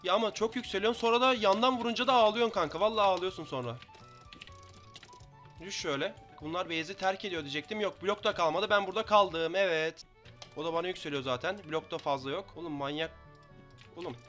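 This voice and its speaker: A young man from Turkey giving excitable commentary on his own Minecraft match, taunting opponents in quick banter. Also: high-pitched, faint music behind. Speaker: gaming YouTuber. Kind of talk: live Minecraft gameplay commentary.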